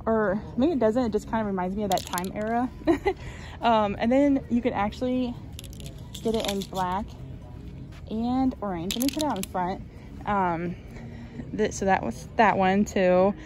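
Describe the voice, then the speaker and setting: A woman's voice: medium pitch, mellow. Gushing woman vlogging a store walk-through. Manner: chatty and gushing, lots of likes and ums. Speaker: shopping vlogger. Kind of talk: casual shop-with-me narration. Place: large retail store, indoors.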